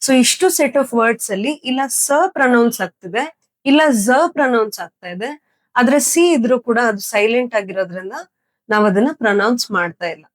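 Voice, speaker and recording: A young woman teaching spoken English with a Kannada-accented Indian English, explaining slowly and repeating word lists for practice. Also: a little high, no room sound, poor audio. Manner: slow, deliberate explaining, repeating words for practice.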